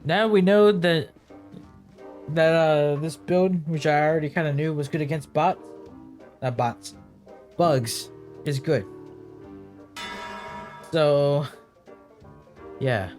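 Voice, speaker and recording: A man's voice: on the high side, slow pace, pauses often, a little mellow, faint music behind. A young man in his twenties with hiccups, giving rambling, profane, casual commentary over his gameplay, full of fillers. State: has hiccups. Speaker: gaming video creator.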